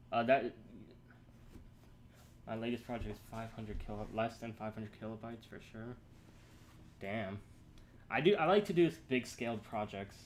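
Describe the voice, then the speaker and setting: A young man casually thinking aloud and answering chat on a live coding stream, halting and rambling as he works. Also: mid-range voice. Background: keyboard typing.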